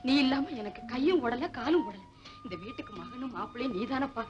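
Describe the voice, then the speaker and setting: A woman's voice: sits high, huge pitch swings, fairly quick. An actress playing a doting, bossy mother who fusses over her son-in-law and shoos him along, in 1960s Tamil film acting on a dull old soundtrack with music.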